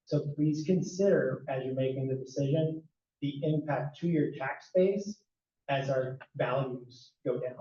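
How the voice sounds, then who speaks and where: A man with a mellow voice speaks politely and directly to the board during public comment. The hall around him is echoey, and the sound is dull. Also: medium pitch, unhurried. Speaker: resident speaking at a public hearing. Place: echoey town meeting hall.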